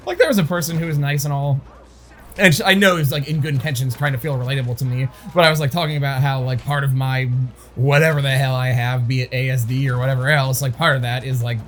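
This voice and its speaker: A young man co-hosting a casual gaming chat, an animated storyteller who swears freely. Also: medium pitch, fast. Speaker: co-host.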